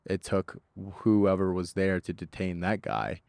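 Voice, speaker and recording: A man being interviewed as an eyewitness, speaking in casual slang with halting, repeated and restarted phrases. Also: low voice, animated, vocal fry, darkish tone, clear, resonant tone, no echo.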